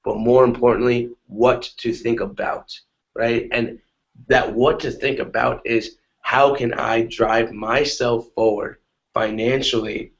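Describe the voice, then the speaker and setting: Man, mid pitch, energetic motivational chat, keeps asking right, muffled lo-fi video call audio. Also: unhurried. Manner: energetic, repetitive, says "right?" often. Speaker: guest on a webinar. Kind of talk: casual motivational talk. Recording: dull lo-fi webinar audio.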